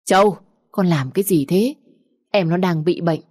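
A woman's voice: lowish voice, normal speed, darkish tone, no room sound, studio quality, close to an everyday voice. A woman reading a story aloud, voicing a middle-aged mother who scolds in an exasperated, raised voice. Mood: scolding.

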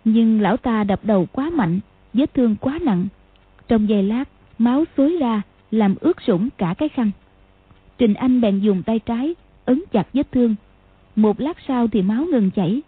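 A woman narrating an audiobook in an even storytelling manner, with a husky voice. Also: a little high, normal speed. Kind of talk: scripted narration. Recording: tinny phone-like, dry.

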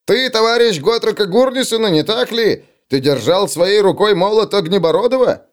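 A man puts on a brash young dwarf warrior who booms every line in a raised, loud voice. He is boastful and quick to take offence, and his delivery swings all over the place. An audiobook character voice. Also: animated. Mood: proud.

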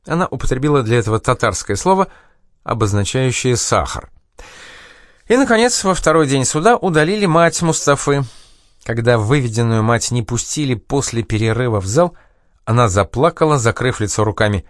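A male audiobook narrator reads a memoir in a measured, expressive way. His pitch moves a great deal while he stays mid-range. The recording is close and dry, with no room sound. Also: no room sound.

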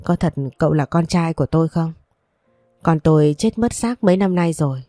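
A woman's voice: low-pitched, normal speed, warm tone, dry recording, faint music behind. A woman voicing a frail dying old grandmother in a storybook reading, speaking feebly and faintly. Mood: feeble. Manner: feeble, whispery.

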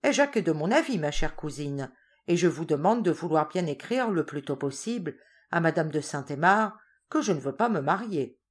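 A woman's voice: low-pitched, expressive, moderate pace, husky. Lady reading a sweet earnest teen girl, pleading, voice goes up and down a lot.

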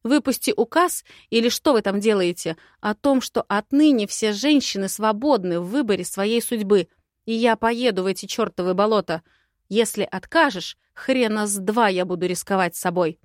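A woman voicing a hot-tempered young heroine who shouts back defiantly in an audiobook. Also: mid-range voice, normal speed, no echo, studio quality, close to an everyday voice. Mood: defiant, angry.

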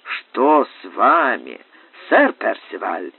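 A man's voice: on the low side, huge pitch swings, slow, creaky, husky, no room sound, voice pushed down, exaggerated voice. Man putting on a drawling, fussy young viscount. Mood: mocking. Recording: dry, phone-like narrow sound.

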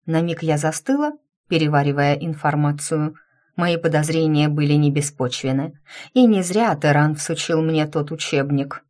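A woman reading a first-person fantasy audiobook, lively and mocking in dialogue. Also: deep voice, normal speed. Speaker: audiobook narrator.

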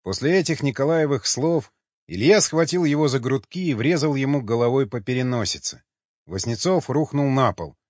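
A man narrating an audiobook with a steady, expressive reading. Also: mid-range voice, moderate pace, no echo. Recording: dull dry lo-fi sound.

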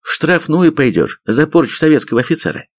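Guy doing a puffed up blustering army major, loud and huffy, dry sound. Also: medium pitch, big pitch swings, unhurried, no room sound, pitched above the performer's own voice. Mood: indignant blustering. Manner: huffy, indignant. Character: pompous plump male major, indignant and blustering.

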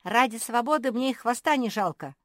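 A woman voices a brave, bossy young female pet in a storybook, eagerly giving orders in a bold, commanding way. Her voice is medium-pitched with lively intonation and a slightly slow pace, pitched above her own natural voice yet close to everyday speech. It's studio-quality audio with no echo.

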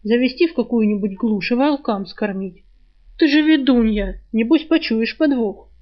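A woman voicing a sly, sharp-tongued male talking rat in an audiobook, mocking and quick with insults. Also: a little high, muffled recording, lightly acted.

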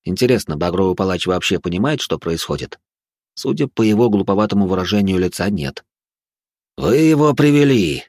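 Man, fantasy audiobook narrator, low voice, measured, dry studio sound. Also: a little mellow, dry recording.

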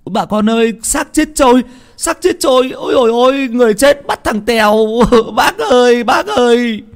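A man's voice: extremely high pitch, expressive, very slow, a little mellow, voice pushed up, exaggerated voice. Man doing a shrieking, panicked father. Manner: frantic shrieking cries. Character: panicked grown man, a father yelling for help.

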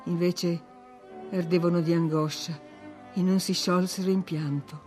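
A woman's voice: on the low side, soft background music. Woman reading a classic novel aloud. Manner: measured, expressive storytelling. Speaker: audiobook reader. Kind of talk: scripted literary narration.

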